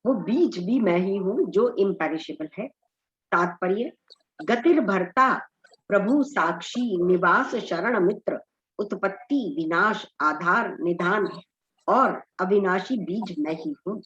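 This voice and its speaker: A middle-aged woman teaching an online scripture class, slowly chanting verses and then translating them line by line. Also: mid-range voice, expressive, fairly bright tone, roomy sound, dull audio. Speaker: Gita study group teacher. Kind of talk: slow scripture recitation and explanation. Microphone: online group call.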